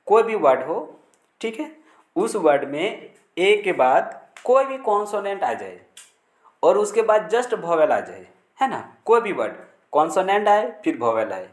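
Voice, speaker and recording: A man's voice: sits high, sing-song, measured pace. A man teaching English pronunciation in Hindi, spelling words out letter by letter and often repeating the rule. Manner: frequent checking fillers. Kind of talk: Hindi-language pronunciation lesson. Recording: echoey room.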